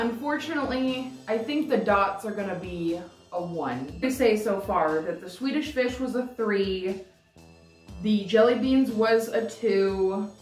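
Taste-testing candy for her vlog, a woman in her twenties chats casually to camera in a decorated indoor room, hesitating, rambling, and filling gaps with "like." Her pitch is medium. With the camera a few feet away, the recording is roomy and distant, and music plays behind her.

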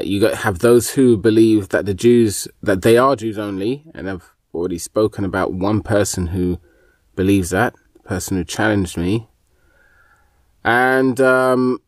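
A man's voice: on the low side, no room sound, studio quality. A man giving an unscripted Bible teaching on a podcast, thinking aloud with many fillers and restarts.

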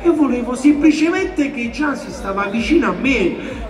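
Man playing an excitable, high-voiced young man. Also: normal speed. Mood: pleading. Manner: wide-eyed, exclaiming. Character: naive, excitable poor young man, lovestruck. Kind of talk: broad stage comedy acting. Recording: echoey, distant, loud music behind.

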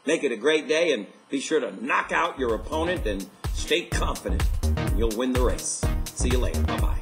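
A man's voice: medium pitch, expressive, normal speed, vocal fry, over music. A man in his fifties, a life coach hosting a motivational video message, speaking upbeat and enthusiastic straight to camera from his living room.

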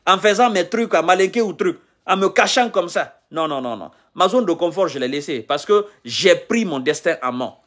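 With a high, slightly bright voice and lively intonation, a Guinean political commentator in his thirties speaks at a moderate pace with hardly any pauses. He's ranting heatedly in a live selfie video from a sofa in a small room, phone at arm's length, lecturing and restating his points.

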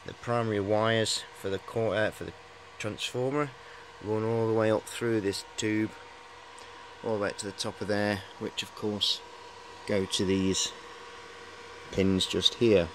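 On a low-quality recording, a man in his forties with a lowish, slightly bright voice and little pitch movement talks without hurry. As a hobbyist, he shows high-voltage gear in a casual, hesitant, matey ramble. He's in a cluttered workshop, filmed on a handheld camera at arm's length with clear background noise.

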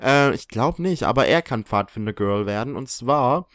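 A man's voice: mid-range voice, animated, moderate pace, fairly bright tone, no echo, clean studio sound. Chatty young man joking over a game. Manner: chatty and joking, teasing the game characters, frequent laughs. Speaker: let's play host. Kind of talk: casual gameplay commentary.

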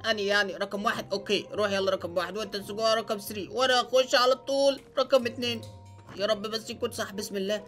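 A young man with an Egyptian Arabic accent hosting an excited let's-play commentary, dropping English exclamations as he plays. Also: sits high, rapid-fire. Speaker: gaming channel host. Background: faint background music.

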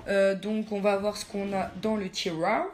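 A woman's voice: medium pitch, flat delivery, unhurried, darkish tone, slight background noise. A woman chatting casually to her viewers while doing her makeup, hesitant with many fillers and teasing herself in asides. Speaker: beauty vlogger. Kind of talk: casual get-ready-with-me makeup chat.

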